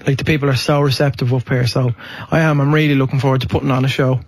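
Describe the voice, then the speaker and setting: A man's voice: medium pitch, level tone. A man, an impressionist guest talking eagerly and chattily in a radio studio interview. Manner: eager, chatty, quick to laugh.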